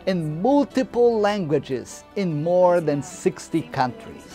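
A man giving a slow, measured scripted narration. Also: sits high, expressive, mellow, soft background music.

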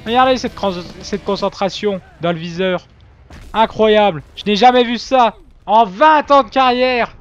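A man's voice: high voice, unhurried, clean tone, lo-fi sound, faint music behind. A man commenting on his own gameplay with mock-boastful, ironic self-praise. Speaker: gaming video host.

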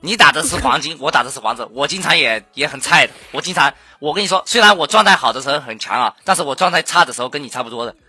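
Blunt young man with a husky voice. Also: on the high side, animated, racing, hardly any pauses, sharp tone, no echo, faint music behind. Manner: blunt, rambling, swearing, teasing comfort. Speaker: streamer. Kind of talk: casual voice-call chat.

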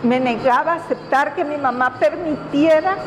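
An older woman from Honduras with a Honduran Spanish accent, answering interview questions slowly and thoughtfully, with many fillers, on a lapel mic. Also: high-pitched, in a large hall, slight background noise. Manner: slow, deliberate, reflective with frequent fillers and laughs. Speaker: women's rights defender. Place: indoors in front of a banner.

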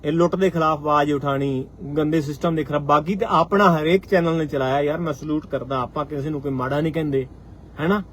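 A man in his forties with a Punjabi accent addresses his followers on a live stream. His voice sits noticeably high, and he talks with fiery conviction. He keeps returning to the same lines to drive each point home. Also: steady tone, quick pace, slight background noise. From Punjab, India. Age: 40s. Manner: fiery, rhetorical, repeats phrases for emphasis. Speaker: farmers' union state leader.

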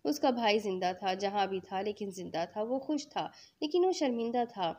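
A woman reading an emotional novel aloud in a steady, earnest narrating voice. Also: medium pitch. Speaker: novel reader.

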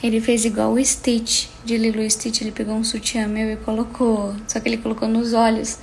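A woman's voice: fairly high pitch, completely flat delivery, fairly quick, darkish tone, echoey room, a little hiss or hum. Chatty woman vlogging at home. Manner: chatty, playful, rambling asides. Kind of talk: casual home vlog. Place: room at home.

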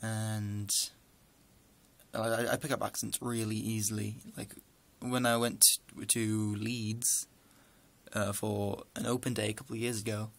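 Low and gravelly, this young man's voice carries a northern English accent as he vlogs into a nearby webcam in a small room. He works casually through a list of questions, rambling along with dry asides.

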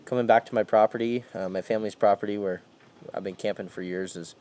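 A man's voice: fairly low pitch, fairly even intonation, fast, a little mellow. A young man vlogging outdoors on a camping and fishing trip, talking casually to a handheld camera in an easygoing way. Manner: easygoing, laid-back, says "man" and "you know" a lot. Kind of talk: casual vlog narration. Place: outdoors at a lake and campsite. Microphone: camera held at arm's length.

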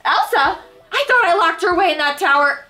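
A woman acts out a haughty fairy villainess in a campy kids' parody sketch. She is high-pitched and sharp, scheming and imperious, with theatrical menace. Music plays behind her. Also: expressive, fairly quick, exaggerated voice. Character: haughty scheming evil fairy disguised as a sweet princess.

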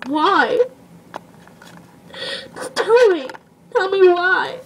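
Weepy toy pet diva as a girl puts her on, high lively voice, noisy home video. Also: extremely slow, exaggerated voice. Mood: wailing. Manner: melodramatic, whiny wailing. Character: weepy female toy pet actress, dramatic.

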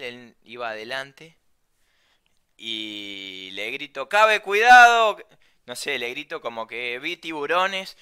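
A young man with a Rioplatense Spanish accent casually telling a travel anecdote, slangy and animated, swearing freely. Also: medium pitch, clean tone. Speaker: storyteller.

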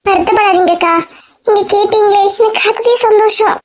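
A woman's voice: extremely high pitch, fairly even intonation, normal speed, voice pushed up. A woman voicing Geetha, a meek, grateful village woman in a cartoon, with a Kanyakumari Tamil accent and a sweet, eager-to-please manner.

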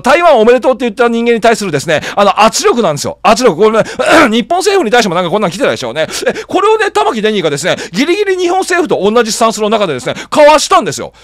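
A man's voice: high-pitched, no echo, clean studio sound. A man giving casual, sarcastic political commentary while reading news aloud, stammering and restarting often. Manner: animated, sarcastic, frequent filler and stammered restarts. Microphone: wireless clip mic.

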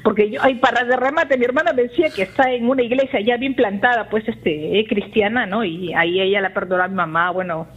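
A woman's voice: on the high side, fast talker, few pauses, husky, lo-fi sound. A woman in her forties, calling a radio show and rambling emotionally as she confides in a therapist. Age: 40s. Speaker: radio caller. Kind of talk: call-in confession to a therapist.

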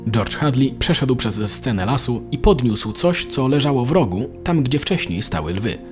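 A man narrating an animated story in a steady, measured manner. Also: medium pitch, music in the background. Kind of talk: scripted narration.

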